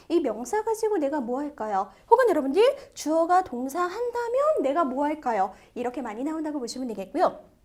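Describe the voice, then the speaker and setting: A woman teaching a TOEIC listening lesson on video, lively and constantly asking her students questions. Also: sits high. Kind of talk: video lecture.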